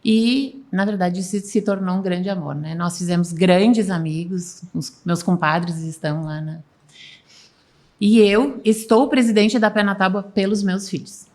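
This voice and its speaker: A woman's voice: medium pitch, fairly even intonation, measured pace, darkish tone. A woman in her fifties, a team president talking casually as a podcast guest, rambling and restarting her sentences. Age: 50s.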